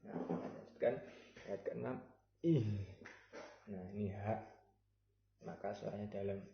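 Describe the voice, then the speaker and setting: A man teaching Quran recitation, explaining patiently and chanting example verses slowly. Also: on the low side, fairly even intonation, creaky, slight background noise. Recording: roomy, slightly dull recording.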